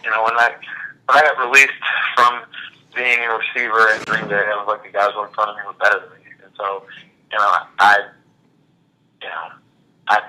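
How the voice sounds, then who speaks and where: A man in his thirties, a former college athlete, talking as an interview guest in a relaxed, reflective way with many fillers. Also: lowish voice, a little fast, long pauses, low-quality recording. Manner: relaxed, reflective, frequent "you know" fillers. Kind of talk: casual interview conversation.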